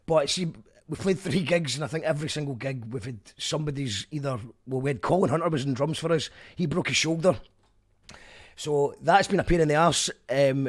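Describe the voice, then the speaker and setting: This man is a radio host and band musician, chatting casually in an animated, rambling manner and often correcting himself. His voice sits at a medium pitch.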